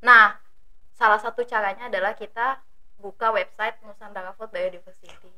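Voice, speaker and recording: A woman with a soft, slurred R explains things casually as a food promoter, in hesitant, stop-and-start phrases. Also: mid-range voice, fairly even intonation, normal speed. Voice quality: slurred R (rhotacism).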